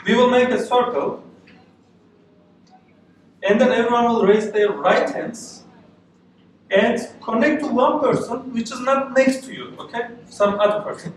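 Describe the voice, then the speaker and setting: A man's voice: extremely high pitch, slight background noise. A man from Turkey gives a friendly live meetup talk with many uh fillers, often checking in with okay and right. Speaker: meetup speaker and organizer. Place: event room with audience. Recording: echoey room from far off.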